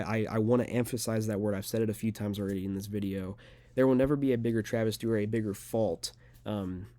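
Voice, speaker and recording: Low, mellow-voiced man rambling earnestly. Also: dry recording. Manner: rambling, earnest, filler-heavy. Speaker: amateur fighter. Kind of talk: unedited monologue to camera.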